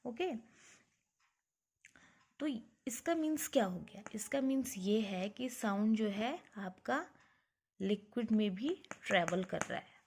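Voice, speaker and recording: A woman teaching a lesson, slowly explaining and asking the viewer questions. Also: medium pitch, lively intonation, a little mellow, husky. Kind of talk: classroom physics lesson mixing Hindi and English.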